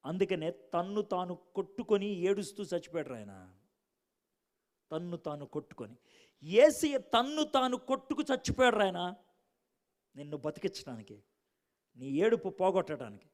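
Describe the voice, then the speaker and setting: Male preacher; high, animated voice; dramatic storytelling, from shouting to near-whispers. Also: normal speed, long pauses. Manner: dramatic, acts out dialogue, swings from shouting to hushed. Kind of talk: sermon with personal testimony.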